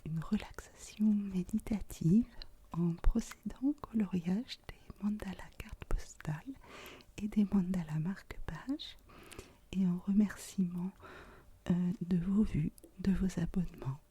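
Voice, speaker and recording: Slow, breathy woman whispering close in your ear. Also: lowish voice, warm tone. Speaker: ASMR video host. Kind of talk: whispered ASMR, speaking to viewers.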